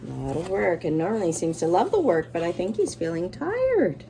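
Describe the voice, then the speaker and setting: A woman teacher reads aloud to children, offering simple, encouraging explanations for young listeners. Her voice is on the low side, warm, sing-song and brisk, with a little hiss or hum in the recording.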